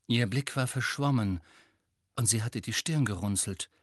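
A male audiobook narrator with a medium-pitched voice tells the story in a calm, even manner. The recording is dry and close, with no room sound at all. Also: a little slow, dry recording.

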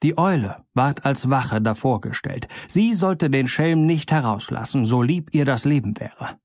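Male storyteller, mid-pitched, dry close sound, fairy tale reading. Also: creaky, dry recording. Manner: measured, expressive storybook narration. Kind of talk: fairy tale read aloud.

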